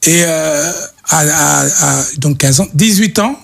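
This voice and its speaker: A middle-aged man from Belgium, a guest speaking earnestly in an interview, halting and repeating words as he searches for them. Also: a little high, gravelly. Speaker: guest, association representative. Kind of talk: earnest testimony in a talk show interview.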